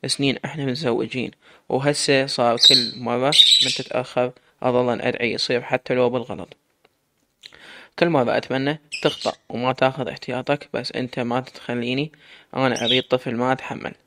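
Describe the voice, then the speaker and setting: A man's voice: medium pitch, fairly even intonation, fast talker, noisy background, close to an everyday voice. A man voicing a desperate young Iraqi wife. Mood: pleading. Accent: Iraqi Arabic. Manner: pleading and sobbing, defiant.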